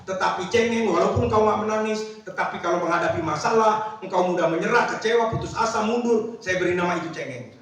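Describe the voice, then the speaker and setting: Male pastor, casual slangy sermon, high-pitched, very roomy distant church sound. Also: fast, fairly bright tone. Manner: casual slangy preaching with call-and-response. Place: church hall. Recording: very echoey church hall, mic at a distance.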